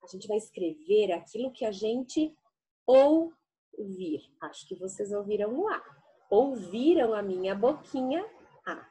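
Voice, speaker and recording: A woman teacher giving a lesson to young children, sounding out syllables slowly and coaxingly. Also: medium pitch, lively intonation, dark tone, slightly rough. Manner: slow, sing-song sounding out of syllables; affectionate, coaxing.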